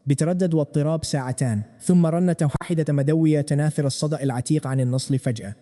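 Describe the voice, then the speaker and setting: A man narrating a comic recap as a scripted story, with dramatic, rapid delivery. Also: fairly high pitch, mellow.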